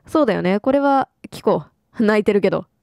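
Young woman playing a game, teasing the characters, mellow voice, dry sound. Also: mid-range voice, lively intonation, fairly quick, creaky, no room sound. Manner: playful, teasing talk back at the characters. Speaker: game streamer. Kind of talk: casual let's-play commentary.

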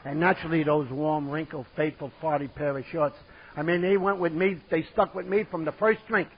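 New York man, husky and a bit high, theatrical comic storyteller, dull lo-fi tape. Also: fairly even intonation, fairly quick. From New York City. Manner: vivid, self-mocking and theatrical. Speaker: recovery meeting speaker. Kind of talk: comic personal storytelling to an audience.

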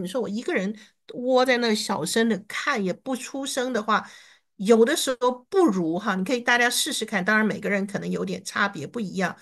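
Woman teacher, fairly high voice, encouraging, drills English words slowly syllable by syllable. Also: fairly bright tone. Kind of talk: online lesson.

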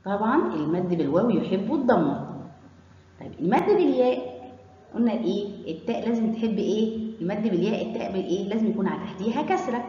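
A woman with an Egyptian accent teaching young children their letters, slowly drawing out each syllable in a sing-song voice. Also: medium pitch, animated, warm tone. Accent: Egyptian Arabic. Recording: echoey hall, dull lo-fi sound.

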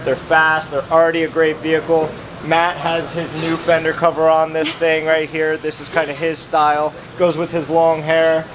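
A man's voice: a little high, monotone, normal speed. A man in his thirties giving an upbeat, plain-spoken walkthrough of a car workshop. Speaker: shop manager giving a tour. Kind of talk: casual walkthrough vlog. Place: large indoor vehicle workshop. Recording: workshop noise behind.

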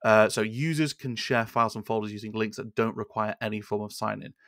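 A man in his thirties hosts a screen-share software tutorial from a desk in a small indoor room, speaking in a relaxed, conversational way with frequent fillers. His voice sits on the low side and moves fairly quickly. A studio mic on a boom arm gives clean sound with no room echo.

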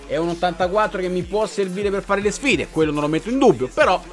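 A young man commenting on a video game pack opening, talking straight to his viewers in an excitable, chatty way. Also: high-pitched, quick pace, soft background music. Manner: excitable, addresses viewers as "raga". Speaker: gaming streamer.

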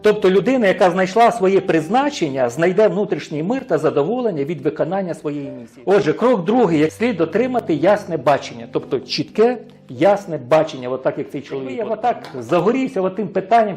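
A male preacher with a high-pitched voice delivers a sermon, putting rhetorical questions to his listeners and checking in with a quick "right?". Soft music plays faintly behind him. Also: very animated. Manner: frequent rhetorical questions to the congregation; tags sentences with a questioning "right?".

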